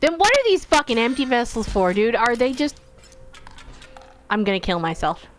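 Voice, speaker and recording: A woman's voice: on the high side, sing-song, moderate pace, soft background music. A young woman commentating her gameplay casually, exasperated and dramatic, swearing freely. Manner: exasperated, profane, dramatic outbursts. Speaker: let's play gamer.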